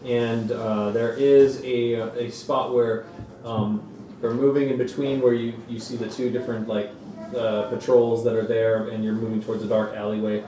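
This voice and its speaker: A man narrating a tabletop game as game master, describing scenes in halting, filler-heavy improvised speech. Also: mid-range voice, little pitch movement, dark tone, roomy sound, recorded from a distance, a little hiss or hum.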